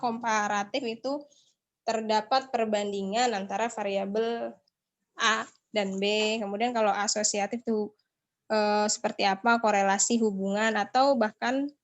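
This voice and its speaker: Woman, fairly high voice, online lecture, explanatory speaking, video call. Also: steady tone, a little slow.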